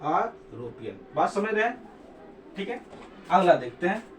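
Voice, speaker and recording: A man's voice: high voice, big pitch swings, normal speed, roomy sound, distant mic, slight background noise. A man teaching English grammar in a classroom-style lecture. He spells words out letter by letter, repeats them, and keeps asking the class to answer. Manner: asks the class questions and urges them to answer.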